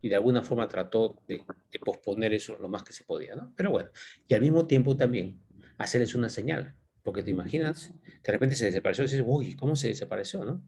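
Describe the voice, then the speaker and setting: A man's voice: fairly low pitch, expressive, quick pace, mellow, slightly rough. A man giving an informal Bible teaching, thinking aloud and asking rhetorical questions as he explains the passage.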